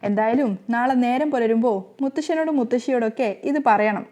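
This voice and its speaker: A woman's voice: fairly high pitch, a little fast, dark tone, natural voice. A woman voicing a mischievous young wife who talks in a playful, teasing way. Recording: slightly muffled lo-fi recording.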